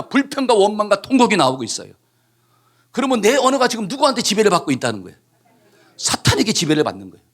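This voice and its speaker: A male pastor delivering a sermon in a high voice that climbs and falls widely. He keeps asking the congregation questions and answering them himself. At times he leads everyone in reading scripture aloud. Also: fairly bright tone.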